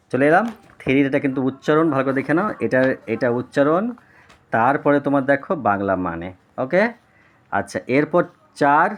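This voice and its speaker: A tutor reading an English lesson slowly and clearly for young children, then explaining it. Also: medium pitch.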